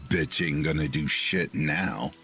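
A man's voice: a bass voice, slow pace, bright, forceful tone, soft background music, exaggerated voice. A man voicing a crude, swearing teenage schoolboy who sneaks cigarettes, in a horror story reading. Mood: cocky.

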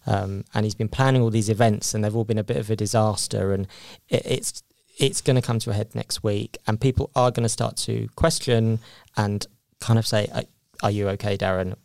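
A man's voice: on the low side, steady tone, normal speed, creaky, hardly any pauses, darkish tone, dry recording. A man chatting casually on a podcast about soap operas, talking through stories with lots of fillers and restarts.

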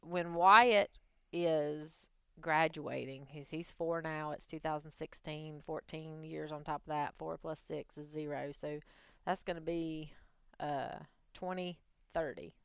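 A woman's voice: sits low, steady tone, takes it slowly, few pauses, smooth, dry recording, studio quality. A woman in her forties chatting casually, laughing often and saying "like" a lot. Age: 40s. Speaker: employee. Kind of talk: casual chat.

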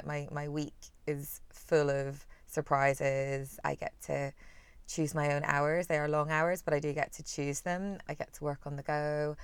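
A woman in her thirties speaks with a soft, well-travelled Northern Irish accent. Her voice is low and clean, with some vocal fry. She talks conversationally, as a guest answering interview questions. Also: dry recording. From Belfast, Northern Ireland, partly raised in Singapore. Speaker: travel writer being interviewed.

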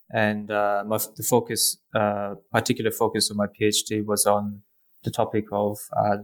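Hesitant low-voiced Australian man. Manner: hesitant, many ums and uhs. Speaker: guest author, lecturer. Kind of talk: academic interview answers.

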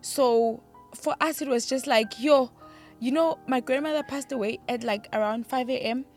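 A young woman, a podcast guest, speaking earnestly and emphatically about grief, with soft music underneath. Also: sits high, normal speed. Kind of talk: emotional interview.

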